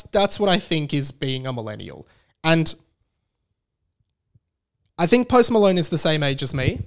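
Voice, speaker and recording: An Australian podcast host in his thirties rambles on his own in a wry, mock-serious, casual manner. His voice is on the high side, with a clean tone.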